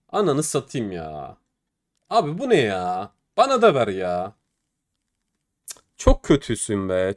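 A young man hosting a gaming video, giving casual case-opening commentary, excitable, groaning and swearing at bad drops. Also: medium pitch.

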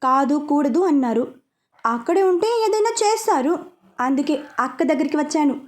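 A woman's voice: high voice, animated, normal speed. A woman playing a bossy, sassy younger sister. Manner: bossy and sassy, giving orders.

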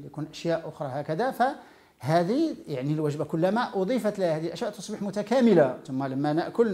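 A Moroccan man teaching about food and health at a very rapid clip. His voice is dark and mellow, and he explains by running through lists item after item. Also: fairly high pitch. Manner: explains by listing items one after another. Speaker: nutrition educator. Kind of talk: informal health lecture.

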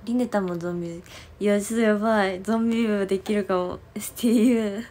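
A woman's voice: medium pitch, steady tone, fast talker, warm tone. A young woman livestreaming as an idol, chatting casually in a giggly, rambling way with lots of fillers.

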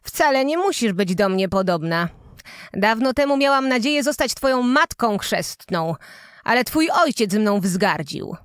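A woman's voice: on the high side, animated, measured pace, dry recording, clean studio sound. A woman doing a scheming old witch. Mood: coaxing.

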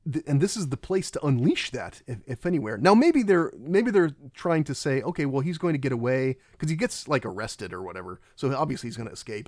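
A man's voice: medium pitch, a little mellow, dry recording, studio quality. A man giving a casual, rambling film commentary, often stopping and restarting his sentences. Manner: halting and rambling, many restarts.

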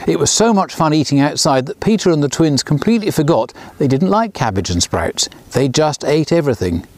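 A lively reading of his own storybook comes from a children's author in his sixties, who sits outdoors beside a small railway and voices the characters at a higher pitch. His pace is fairly quick, and the recording is dry.

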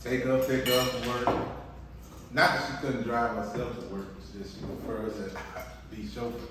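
A man's voice: medium pitch, fairly even intonation, normal speed. Teasing man chatting at breakfast. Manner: playful, teasing, rambling banter with restarts. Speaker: husband and co-host of a family vlog. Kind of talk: casual chat to camera. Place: home, at the breakfast table. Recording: roomy echo, distant mic, faint noise.

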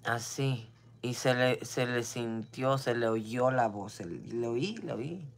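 A woman's voice: rumbling low, slow pace. A woman with a Mexican accent venting in a casual monologue, blunt and full of slang and swearing, now and then dropping English phrases. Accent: Mexican Spanish.

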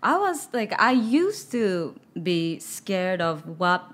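A Japanese woman in her thirties, a guest singer, chats in English as a second language during a casual interview, often pausing to find words. She's soft-spoken and halting, with a mid-range voice and big pitch swings. She's recorded on a boom-arm studio mic in a studio with a record-covered wall.

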